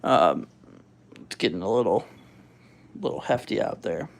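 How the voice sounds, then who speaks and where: A man hosting a live weather stream, giving casual, halting commentary as he thinks aloud and reads out figures. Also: lowish voice, lively intonation, gravelly. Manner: informal, halting, thinking aloud while looking things up. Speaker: weather livestream host.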